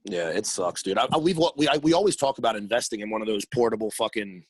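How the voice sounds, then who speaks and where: A man's voice: lowish voice, breathy edge, no echo. A man hosting a podcast, chatting casually and swearing freely. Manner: fast, profane, laid-back. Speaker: podcast host.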